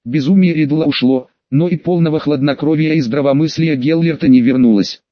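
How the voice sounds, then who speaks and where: Male audiobook narrator, steady reading, fairly high voice, dry muffled recording. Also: no room sound.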